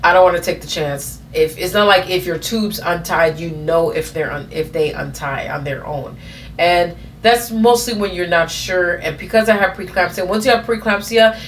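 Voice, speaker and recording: A woman's voice: on the low side, moderate pace, slight background noise. A woman in her thirties telling a personal story in a casual vlog, rambling with many fillers and self-corrections. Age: 30s. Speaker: vlogger.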